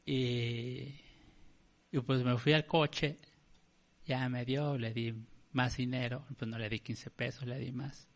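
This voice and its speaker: Man, Mexican accent, pastor, gravelly, mid pitch, conversational storytelling sermon. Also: steady tone, takes it slowly. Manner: conversational, addresses listeners as brother.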